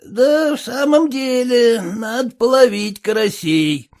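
A man's voice: very high-pitched, takes it slowly, pitched above the performer's own voice, heavily acted. A man reading an audiobook, voicing a kindly captain who fusses and hesitates with filler sounds. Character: kindly fussing old captain. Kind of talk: audiobook character voice.

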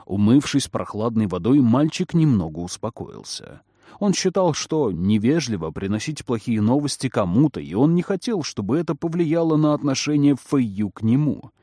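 Male storybook narrator, mid-pitched, animated intonation, dry close recording. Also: moderate pace, no echo. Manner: expressive, varied intonation. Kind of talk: storybook reading.

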